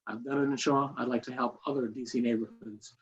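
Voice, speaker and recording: A man's voice: mid-range voice, fairly even intonation, brisk. A male candidate giving a proud, confident opening statement at a political forum. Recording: dull lo-fi audio with faint noise.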